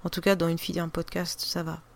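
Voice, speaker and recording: A woman's voice: on the low side, level tone, fast talker, no room sound. French woman with a regional accent, chatty, lots of euh and restarts, laughs easy. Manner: loose and chatty, many fillers and restarts, laughs easily. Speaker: podcaster, interview guest. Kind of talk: casual interview chat.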